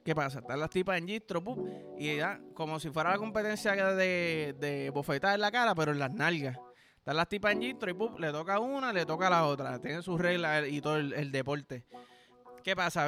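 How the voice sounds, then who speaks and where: High-voiced Puerto Rican man, rambling host. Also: a little fast, sharp tone, soft background music. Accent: Puerto Rican Spanish. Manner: rambling, playful, profane. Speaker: podcast host. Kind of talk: crude comedic podcast monologue.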